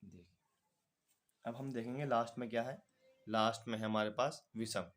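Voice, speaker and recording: A man's voice: mid-range voice, steady tone, moderate pace. A man with a Hindi accent teaching a math lesson step by step, patiently talking through each calculation aloud.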